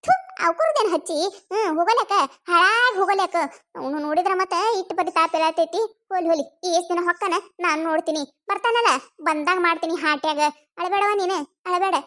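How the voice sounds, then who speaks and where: A woman's voice: very high-pitched, fast, sharp tone. A woman doing a fierce old village mother-in-law. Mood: consoling. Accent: North Karnataka Kannada. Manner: scolds her son, coaxes and consoles her daughter-in-law. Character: scolding elderly village mother-in-law, fierce but doting. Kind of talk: cartoon comedy voice acting.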